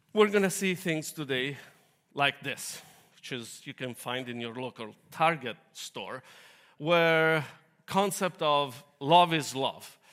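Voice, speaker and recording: An Italian-accented man preaching a sermon, his voice at an ordinary middle pitch. He explains earnestly, with a touch of self-deprecating humor. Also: fairly bright tone. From Italy.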